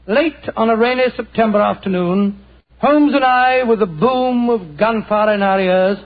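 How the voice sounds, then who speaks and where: Doctor Watson, a genial old doctor, speaks with a high, husky voice in a 1940s radio drama. His talk is fatherly and chatty, with small halting restarts. It comes through a thin, tinny old transcription. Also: heavily acted. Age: older. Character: elderly male doctor, genial old storyteller.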